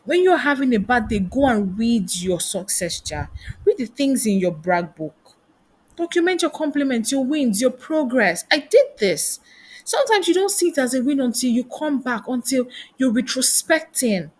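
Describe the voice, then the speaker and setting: A career coach and trainer leads a motivational teaching talk full of rhetorical questions. Her high voice has a sing-song lilt, and she keeps to a moderate pace.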